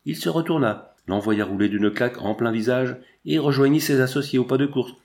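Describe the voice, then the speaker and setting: A man narrating a classic adventure novel aloud in a measured, expressive storytelling manner. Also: medium pitch, gravelly. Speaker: audiobook narrator. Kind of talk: scripted literary narration.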